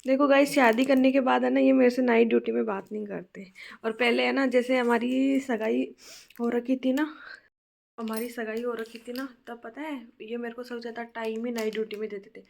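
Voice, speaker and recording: A young woman vlogging casually at home, hoarse from a cold and laughing often as she chats. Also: on the high side, fairly even intonation, moderate pace, darkish tone. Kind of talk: casual home vlog chat. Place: bedroom at home.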